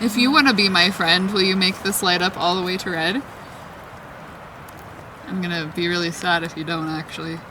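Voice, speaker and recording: A woman's voice: lowish voice, fairly even intonation, normal speed, long pauses. Chatty woman, distant noisy outdoor recording. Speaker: paranormal investigator. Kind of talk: casual vlog, questioning spirits aloud. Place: outdoors in a forest at night. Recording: distant mic, clearly noisy outdoor ambience.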